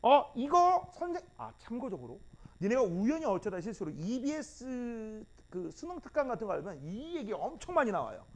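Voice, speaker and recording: A man's voice: very high-pitched, wildly swooping pitch, moderate pace. A male physics teacher lecturing students in a blunt, teasing way and drilling terms by repeating them. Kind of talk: classroom lecture.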